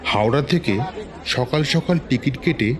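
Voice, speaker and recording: With an animated medium-pitched voice close to his everyday one, a man plays a confident middle-aged village tantric spinning a dramatized horror tale in a West Bengal Bengali accent. He is grave, nostalgic and boastful, unhurried in delivery, with crowd noise around him.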